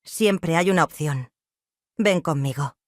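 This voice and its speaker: A narrator voicing a young stepson who speaks with tense, defiant anger. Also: male voice, on the high side, slow pace, dry recording, studio quality.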